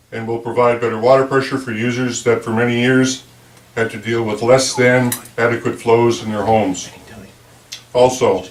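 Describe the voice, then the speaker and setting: A man's voice: medium pitch, slight background noise. A man with a lisp and whistling s, giving a formal prepared address as chair of a local board meeting. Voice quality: lisp from a dental appliance, whistling s. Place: indoor village board meeting room. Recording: roomy, distant meeting-room microphone.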